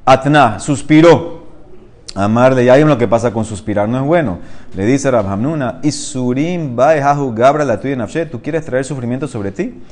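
A man teaching a Talmud study class, reading the Aramaic text slowly and then explaining it in Spanish, often asking his listener questions. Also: medium pitch, darkish tone.

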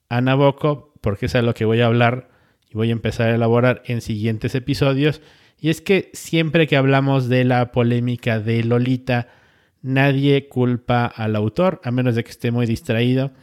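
A man's voice: mid-range voice, smooth. Rambling man hosting a podcast. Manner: rambling, with many filler sounds and restarts. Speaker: podcast host. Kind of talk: casual podcast talk.

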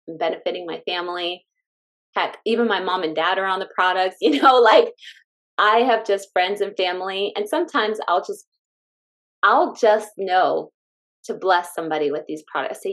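A woman from California, a stay-at-home mom, talking as a guest in a casual interview, heartfelt and enthusiastic with frequent laughs. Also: medium pitch.

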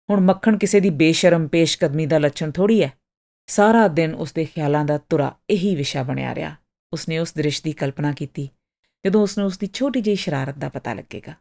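Low, mellow woman narrating a story. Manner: expressive, with rising questions. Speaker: audiobook narrator and podcast host.

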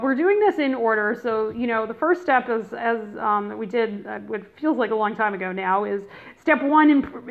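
A woman hosting a casual educational podcast in a chatty, informal way, addressing listeners directly, recorded through headphones used as a mic. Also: fairly high pitch. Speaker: podcast host. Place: room in a rental house. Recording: thin phone-like sound from headphone mic.

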